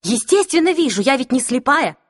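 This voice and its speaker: A woman's voice: sits high, big pitch swings, fairly quick, no echo, studio quality, pitched above the performer's own voice. A woman voicing a stubborn, frightened teenage girl who speaks shrilly and indignantly. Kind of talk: audiobook character voice.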